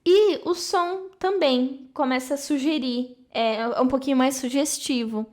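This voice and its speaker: Chatty woman teaching English, high voice. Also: measured pace. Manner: chatty, explains warmly with many "né?" asides. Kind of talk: casual video lesson.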